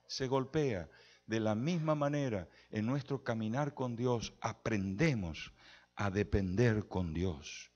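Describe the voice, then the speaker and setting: Husky preacher with lively pitch. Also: male voice, dull audio. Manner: storytelling preacher quoting conversations, emphatic pitch swings. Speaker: pastor. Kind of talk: sermon.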